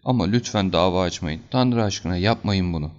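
A man's voice: low voice, a little fast, lo-fi sound, natural voice. A man voicing a panicked young male thief who begs desperately for mercy, in a storybook reading. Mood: begging. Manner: desperate, pleading, frantic.

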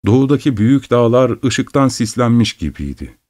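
A man narrating a literary story with a measured, unhurried manner. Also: mid-range voice, big pitch swings, darkish tone.

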